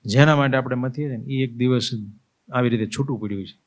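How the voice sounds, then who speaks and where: A man's voice: mid-range voice, quick pace. A man, a swami, giving a spiritual discourse as vivid storytelling and acting out scenes. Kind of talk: spiritual sermon.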